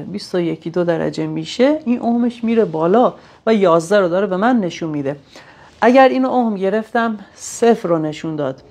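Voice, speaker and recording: In a lowish, slightly mellow voice, a female technician walks through sensor tests in a hands-on technical tutorial. She keeps her explanations plain and thinks out loud while she works.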